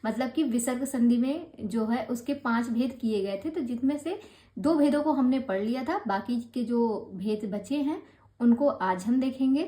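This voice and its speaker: A woman teaching an online grammar class, patient and encouraging, slowing down to spell out each rule. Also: fairly high pitch, mellow. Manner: encouraging, patient explaining, slows to spell out rules.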